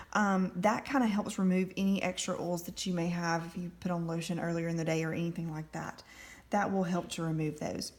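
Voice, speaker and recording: A nail product demonstrator with a medium-pitched, slightly mellow voice runs through a casual manicure tutorial. She's friendly, explaining each step in turn and saying "um" a lot.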